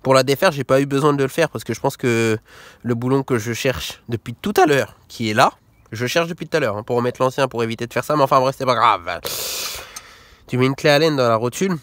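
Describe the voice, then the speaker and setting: A man's voice: mid-range voice, brisk, a bit bright, dry recording. A young man casually explaining a car repair in a workshop, slangy and swearing, constantly saying "tu vois". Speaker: car mechanics vlogger. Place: garage workshop.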